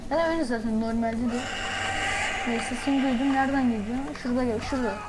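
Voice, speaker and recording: A woman commenting on her gameplay as she plays, chatty and thinking aloud, with quick startled exclamations. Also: a little high, very noisy. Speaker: gaming channel host.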